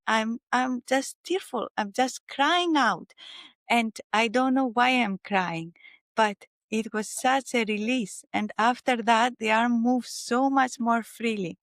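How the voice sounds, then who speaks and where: A woman with a Greek accent, a spiritual teacher speaking as an interview guest in a gentle, searching way with frequent restarts. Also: a little high, no echo, clean studio sound. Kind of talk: reflective interview talk.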